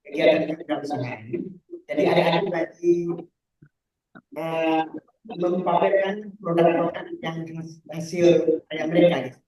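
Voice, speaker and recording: A man's voice: on the high side, fairly even intonation, normal speed, pauses often, a little mellow. A man repeating short phrases, his voice echoing so heavily that it is hard to make out. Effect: voice echoes heavily, hard to make out. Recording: echoey room heard from far off.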